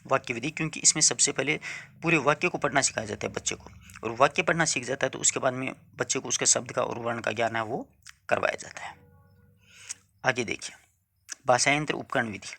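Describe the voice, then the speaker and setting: A man delivers an exam-prep lecture at a middle pitch. His voice is bright and forward. He explains each point step by step, says it again, and checks that the students follow. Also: fast talker, creaky. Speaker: teacher.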